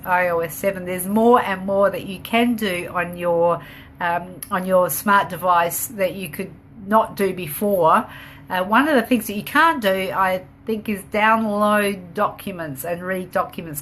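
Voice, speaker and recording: A woman's voice: on the low side, fairly bright tone, slight background noise. A woman running a home business, chatting casually on a live video, rambling a little, laughing easily and answering viewer comments as she goes. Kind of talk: casual live-stream chat.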